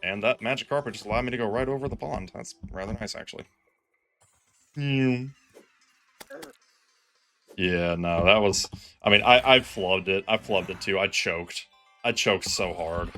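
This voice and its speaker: A man giving live commentary over his own gameplay, excitable and self-deprecating, pleading with the game when things go wrong. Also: fairly low pitch, moderate pace, long pauses, faint music behind. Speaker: gaming streamer.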